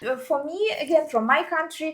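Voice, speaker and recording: A woman's voice: sits high, quick pace. A woman from Russia with a Russian accent, co-hosting a casual conversation, chatty and full of fillers and hesitations. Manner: chatty, hesitant with many fillers, laughs while talking. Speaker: co-host.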